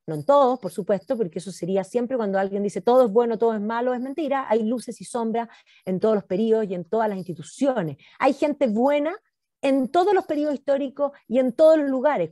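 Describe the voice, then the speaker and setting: A Chilean woman historian giving an animated talk, emphatic and insistent, repeating words for effect. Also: on the high side, no echo, clean studio sound.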